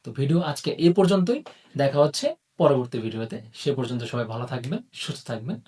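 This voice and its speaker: An English teacher giving an online video lesson, posing questions to the class and answering them, and drawing out example words slowly. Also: mid-range voice, expressive, a little mellow, slightly rough, recorded from a distance. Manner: drawls target words slowly.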